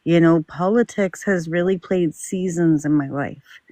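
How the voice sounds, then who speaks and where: A woman's voice: fairly low pitch, measured pace, mellow, dry recording. Female participant, reflective and earnest, casual personal storytelling, close dry recording. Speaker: discussion participant.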